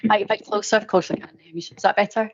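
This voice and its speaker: A woman with a Glaswegian accent giving a semi-formal update at a meeting, pausing often mid-sentence in a hesitant way. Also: medium pitch, steady tone, dull audio. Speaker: presenter of a planning update at a meeting.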